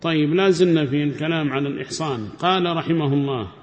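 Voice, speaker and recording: A man's voice: fast talker, highs cut off. A man, an Islamic scholar, explaining a classical text in a classroom lesson, lifting his voice when he reads quotations aloud. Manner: explains calmly, rises in pitch when reading quoted text aloud. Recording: long reverb of a large hall.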